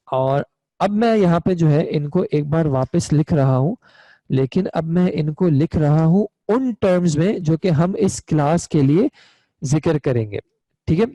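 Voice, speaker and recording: A man gives an online grammar lesson in a mellow, fairly high voice. He explains step by step and keeps checking that his students follow. He is recorded close and dry. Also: no room sound. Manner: patient, checks understanding often. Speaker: online Arabic grammar teacher.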